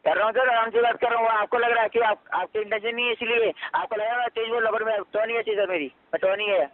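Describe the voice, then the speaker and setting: A man speaks fast and insistently as a loan recovery agent, repeating the same demand over and over. His voice sits high for a man. It comes through a tinny, narrow phone line. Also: steady tone, no room sound. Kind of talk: phone call.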